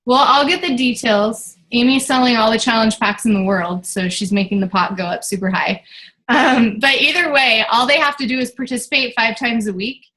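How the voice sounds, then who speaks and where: A woman with a fairly high voice leads a relaxed team meeting as its coach. She talks in a loose, chatty way, full of fillers and false starts. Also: moderate pace, poor audio. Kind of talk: casual team meeting talk.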